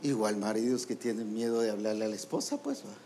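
A man preaching a sermon to ministers, lively and full of rhetorical questions, acting out quoted voices. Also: lowish voice, fast talker.

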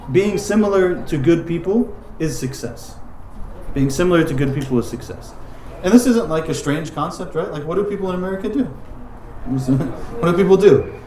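A man's voice: fairly high pitch, a little mellow, a little hiss or hum. A man teaching a religious lesson in a casual, conversational way, filling his talk with "like" and "right?" asides. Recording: roomy echoing room.

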